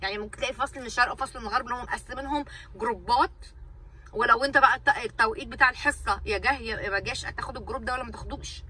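An Egyptian woman rants to her viewers at a rapid clip, exasperated and repeating her points for weight. Her voice sits a little high and bright, with an edge. She is a bit distant from the mic, with a faint noise behind her. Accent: Egyptian Arabic. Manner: exasperated, ranting, repeats herself for emphasis. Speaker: vlogger and mother. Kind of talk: casual venting to camera.

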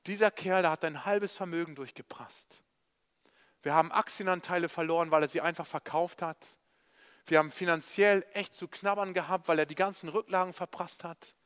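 A man's voice: fairly high pitch, brisk, fairly bright tone, smooth, long reverb tail, close to an everyday voice. A man voicing an indignant elder son who scolds his father for taking his brother back.

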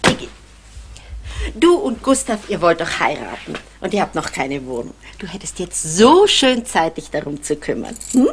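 An actress playing a fussy, well-off middle-aged mother in a 1960s TV series, gently scolding. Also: lowish voice, big pitch swings, moderate pace, a little hiss or hum. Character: fussy well-off mother, golf-club type.

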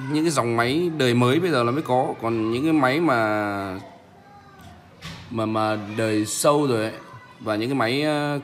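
A man casually demonstrating a phone app as a vlog host, speaking haltingly with many pauses. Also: medium pitch, slight background noise. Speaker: tech vlogger, host.

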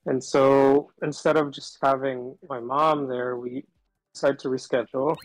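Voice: mid-range voice, flat delivery, unhurried, dry recording, faint music behind, rough recording. A caller talking through a voice changer that disguises the voice, chatting casually on a call and rambling with lots of fillers. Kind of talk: casual phone chat.

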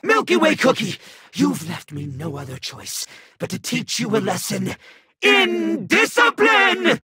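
A woman voicing a stern, pompous candy cookie officer in a video game, scolding formally in a husky voice. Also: a little high, sing-song, measured pace, no room sound, clean studio sound, heavily acted. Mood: menacing. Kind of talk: video game cutscene voice acting.

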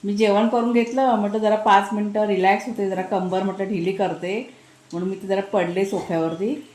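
A woman's voice: mid-range voice, fairly even intonation, normal speed, a little mellow. A woman with a Marathi accent vlogging from her village home in casual chat and fussing over her dogs in doting baby talk. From Maharashtra, India. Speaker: family vlogger.

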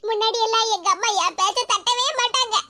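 A woman's voice: fast, bright, forceful tone. A woman voicing a sulky, jealous young married woman in a cartoon, complaining in a Tirunelveli Tamil accent. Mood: whiny. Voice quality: high and squeaky. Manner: whiny, complaining.

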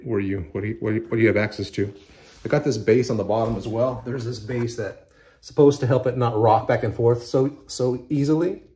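Mellow-voiced man rambling through a home review. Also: lowish voice. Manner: rambling, with frequent restarts and repeated words. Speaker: product reviewer. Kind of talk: casual product review vlog. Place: home practice room. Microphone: handheld phone camera.

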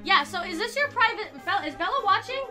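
A young woman streaming a game live, chatting with her viewers and reacting loudly to each round. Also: very high-pitched, animated, quick pace. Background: game music.

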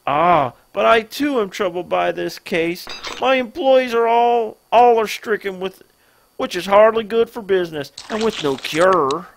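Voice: medium pitch, measured pace, gravelly, a little hiss or hum. Gluttonous Southern merchant villain, oily drawl, voiced by a let's-play reader. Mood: smug. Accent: put-on Southern US.

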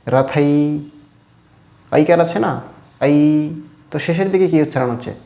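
A man from Bengal gives a spoken pronunciation lesson in a fairly high, mellow voice, repeating each sound slowly and patiently. The room around him is bare and echoes. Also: gravelly. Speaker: Sanskrit teacher.

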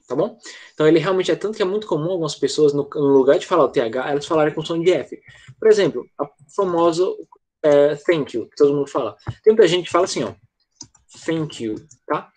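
Over a video call, a man teaches English pronunciation with patience, asking "tá?" after every point to make sure students follow. His voice is fairly high and a little mellow.

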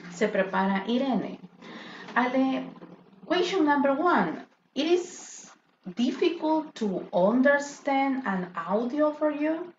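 A woman's voice: sits high, animated, slow. Chatty woman teacher on an echoey call. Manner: chatty, switches between English and Spanish. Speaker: English teacher. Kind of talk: online class discussion. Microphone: video call. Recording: echoey, dull audio with faint noise.

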